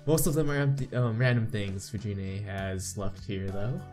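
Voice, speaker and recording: Reading a visual novel aloud with casual commentary, a man hosts the playthrough while game background music plays. His voice sits on the low side, with fairly even intonation at a moderate pace.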